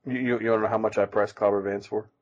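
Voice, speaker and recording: A man co-hosting a casual podcast, talking in halting, self-deprecating stops and restarts. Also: lowish voice, level tone. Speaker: podcast co-host and comic artist. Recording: dull lo-fi sound.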